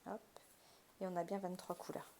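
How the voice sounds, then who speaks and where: A woman's voice: lowish voice, little pitch movement, normal speed, a little mellow. A woman, chatting casually through a craft kit unboxing, chatty and self-deprecating and laughing often. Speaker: crafting vlogger.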